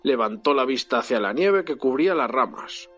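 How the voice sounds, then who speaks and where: A father reading a storybook aloud to his child with animated, expressive delivery. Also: medium pitch, moderate pace, highs cut off, faint music behind.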